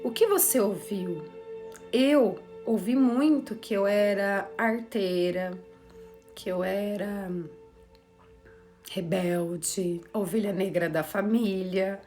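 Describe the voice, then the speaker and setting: A woman, teaching a class in a slow, reflective way and putting questions to her listeners. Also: medium pitch, dark tone, faint music behind. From Brazil. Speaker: teacher of a course on systemic motherhood. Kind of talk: spoken lecture to a class.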